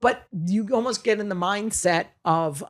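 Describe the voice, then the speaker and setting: A woman's voice: medium pitch, moderate pace. A woman in her fifties, a comedian on a podcast, talking bluntly and profanely in casual chat. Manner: brash, blunt and profane, joking loudly. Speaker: comedian guest.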